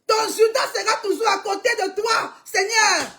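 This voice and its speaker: This young woman's voice is very high, pushed, and bright, delivered at a moderate pace. She comments emphatically on a live stream, calling out to God often and exclaiming as she tells viewers to watch.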